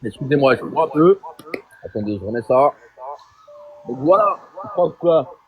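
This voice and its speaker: A man's voice: mid-range voice, sing-song, normal speed. A man hosting a live stream, confronting a rival in an angry rant full of accusations and rhetorical questions. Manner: repeats phrases for emphasis.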